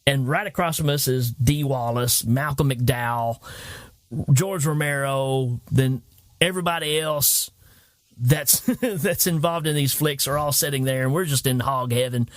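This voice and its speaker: A man from Tennessee with a Southern accent, hosting a podcast and telling stories in a casual, animated way. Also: medium pitch, unhurried, dry recording. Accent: Tennessee Southern American. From Tennessee, United States. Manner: animated storyteller, acts out quoted voices. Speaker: podcast host. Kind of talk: casual storytelling chat.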